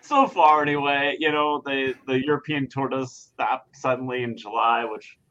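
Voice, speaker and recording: A man chatting casually on a podcast panel in an easygoing, halting way, with lots of fillers. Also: medium pitch, fairly even intonation, sharp tone, muffled recording, slight background noise. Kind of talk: casual chat.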